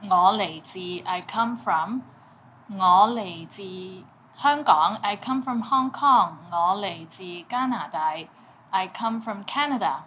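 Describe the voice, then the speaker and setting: A woman leads a casual Cantonese lesson, saying a phrase in Cantonese and then its meaning in English. She talks in a lively, upbeat way at a middling pitch. Faint background noise sits under her voice. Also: takes it slowly. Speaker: Cantonese teacher.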